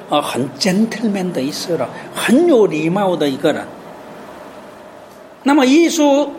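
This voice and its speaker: A woman's voice: a little high, a little mellow, a little hiss or hum. A woman preacher giving a sermon who keeps asking rhetorical questions and drops English words into her talk.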